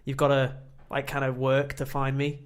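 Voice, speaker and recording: A man co-hosting a casual chat podcast, rambling and self-deprecating, with sudden animated bursts. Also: medium pitch, moderate pace, clear, resonant tone. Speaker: podcast co-host.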